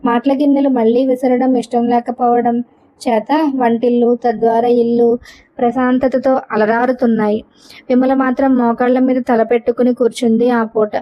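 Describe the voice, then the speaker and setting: Woman narrator, storybook reading, fairly high voice, dull lo-fi sound. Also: flat delivery, normal speed. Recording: dull lo-fi recording.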